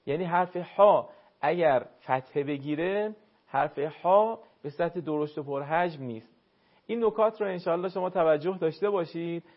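Recitation teacher guy, slightly high voice, polite, explains and drags out words to show them, muffled audio. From northern Iran. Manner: courteous, explanatory, demonstrates words slowly. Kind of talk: call-in recitation lesson.

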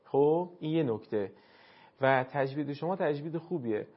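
A man's voice: a little high, lively intonation. Male recitation teacher, formal and polite, slightly raised voice, dull lo-fi broadcast sound. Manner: formal, courteous and instructive. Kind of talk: on-air recitation feedback.

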